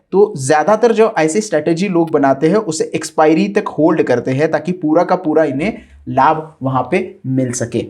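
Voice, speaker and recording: A man's voice: a little high, a little mellow. A man with an Indian accent, patiently explaining an options trading strategy in a tutorial, with frequent filler sounds. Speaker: finance educator. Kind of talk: screen-share tutorial explanation.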